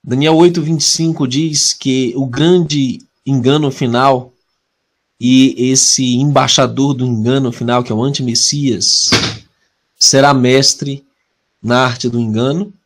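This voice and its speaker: A man with a Brazilian Portuguese accent leading a weekly prophecy study, earnest and measured, slowing down to stress key words. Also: mid-range voice, fairly even intonation. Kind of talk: prophecy study talk with opening prayer.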